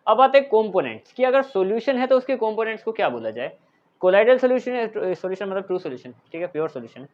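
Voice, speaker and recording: A male teacher explaining a science lesson, often checking in with "thik hai" and slowly dictating definitions as he writes them. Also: high voice, very animated, lo-fi sound. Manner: dictates English definitions slowly while writing. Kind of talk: classroom lecture.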